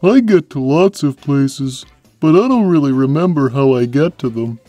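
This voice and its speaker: A man voicing a big, simple-minded, gentle cartoon cat who talks slowly and placidly, taking everything literally. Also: medium pitch, animated, muffled recording, faint music behind, lightly acted. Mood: placid, dim. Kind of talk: cartoon character answering fan questions.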